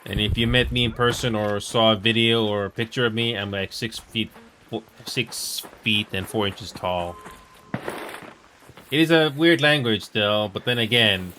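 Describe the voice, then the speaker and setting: On the low side and unhurried, this man's voice carries a sharp tone. He's from Finland, speaks Finnish as his first language, and chats loosely on a live stream while playing, repeating himself and muttering at the screen amid background noise.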